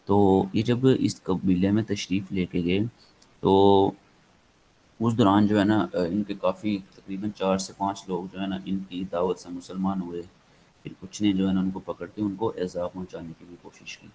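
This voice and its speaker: A man's voice: deep voice, little pitch movement, mellow, slight background noise, rough recording. A man with a Pakistani accent giving an online lecture, rambling with many fillers and slipping into English. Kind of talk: online lecture, casual explaining.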